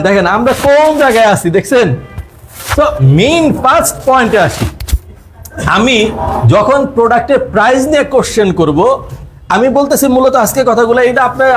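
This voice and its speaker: A man with a Bangladeshi Bengali accent leading a live business seminar on direct selling. He quizzes the audience, repeats his points and mixes in English phrases. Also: very high voice.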